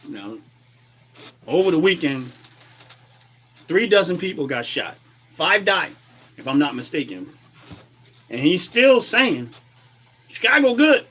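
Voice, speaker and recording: A man with an American accent hosting a casual, opinionated livestream commentary while a little under the weather, clearing his throat and repeating phrases for emphasis. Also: fairly high pitch, very animated, slow, long pauses, fairly bright tone. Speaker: livestream host.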